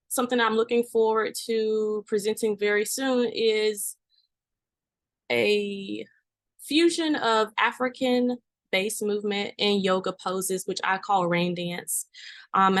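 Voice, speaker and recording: Hesitant woman pitching her dance class. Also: a bit bright, no echo. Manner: hesitant, with many ums. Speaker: small business owner presenting at open mic. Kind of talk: casual self-introduction.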